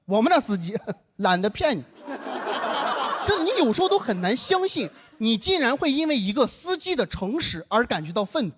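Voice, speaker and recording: A man's voice: very high-pitched, brisk, breathy edge. A young man from northern China doing a stand-up comedy set, telling a story and acting out the dialogue himself. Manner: storytelling, animated, acts out dialogue.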